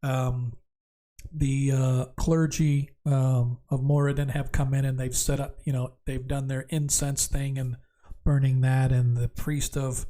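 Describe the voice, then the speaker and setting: Male game master, mid-pitched, halting improvised narration, descriptive, tabletop fantasy. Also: flat delivery, dark tone.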